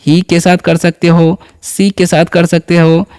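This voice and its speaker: A man's voice: on the high side, level tone, measured pace, a little mellow, smooth. A man teaching a beginner English lesson, patiently repeating each word and quizzing the viewer. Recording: long hall reverb.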